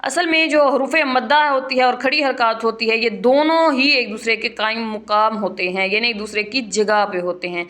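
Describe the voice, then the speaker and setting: Woman, tajweed teacher, fairly high voice, patient, careful letter demonstrations. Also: fairly bright tone. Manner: patient, repeats points, demonstrates letter sounds slowly and clearly. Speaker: Quran recitation teacher. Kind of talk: tajweed lesson.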